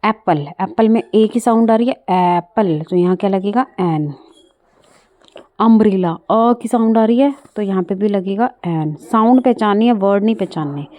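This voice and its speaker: A woman's voice: medium pitch, normal speed, hardly any pauses, phone-quality sound. A woman teaching English words, explaining step by step and asking the listener questions. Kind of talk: bilingual vocabulary lesson.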